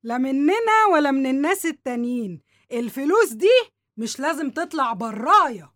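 A woman's voice: sits high, sing-song, moderate pace, a bit bright, dry recording, clean studio sound. A woman with an Egyptian accent playing a domineering, greedy middle-aged aunt in a drama, nagging and scolding in colloquial speech. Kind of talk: dramatic dialogue.

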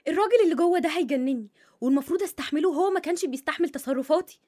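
A woman's voice: high-pitched, rapid-fire, darkish tone, lightly acted. A woman in her twenties with an Egyptian accent playing a dramatic, complaining young wife. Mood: exasperated. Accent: Egyptian Arabic. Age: 20s.

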